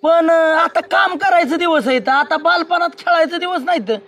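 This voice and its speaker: High-pitched scolding village man. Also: normal speed, fairly bright tone. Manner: scolding, matter-of-fact. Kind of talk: comic village skit.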